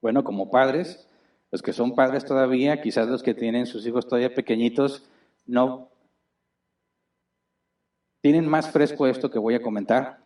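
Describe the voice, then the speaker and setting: A man's voice: mid-range voice, normal speed, pauses often, darkish tone, recorded from a distance. A man, preaching a conversational sermon in a church auditorium and checking in with rhetorical questions. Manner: chatty and explanatory, tags points with rhetorical questions. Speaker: pastor.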